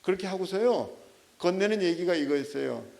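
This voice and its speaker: A middle-aged man preaching a sermon as a pastor, telling stories with animation and prodding his listeners with quick rhetorical checks. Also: high voice, animated, vocal fry, darkish tone.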